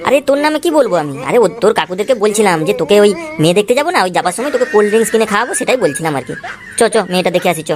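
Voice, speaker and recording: A woman's voice: expressive, rapid-fire, a crowd in the background, lightly acted. A woman voicing a scheming father who sweet-talks his son in a cartoon. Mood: placating. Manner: coaxing aloud, cursing in low mutters. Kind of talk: Tweencraft cartoon voice acting. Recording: music playing behind the voice.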